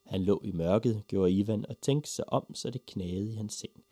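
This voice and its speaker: A man reading a children's story aloud with a lively, expressive delivery. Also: lowish voice, husky, no room sound. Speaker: narrator.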